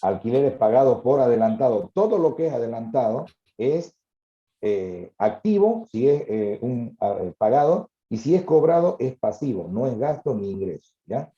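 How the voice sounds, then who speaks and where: Male accounting teacher, patient and explanatory, very dark tone, roomy muffled recording. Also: mid-range voice, big pitch swings, moderate pace. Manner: patient, explanatory, checks understanding with "¿ya?". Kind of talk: classroom lecture.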